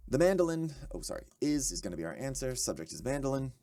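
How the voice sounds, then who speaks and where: A man works practice test questions out loud in a dry, close room. His voice sits low with some gravel, but his pitch swings widely as he catches mistakes, corrects himself, and cheers his own answers. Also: dry recording. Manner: animated, self-correcting, quick asides and exclamations. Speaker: test-prep tutor. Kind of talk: thinking aloud while working practice questions.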